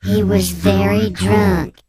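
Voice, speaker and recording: A performer playing an anonymous informant on a radio comedy bit, speaking through an electronically disguised voice with a slow, deadpan delivery. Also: mid-range voice, background noise. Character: anonymous tipster in hiding, deadpan and lurid.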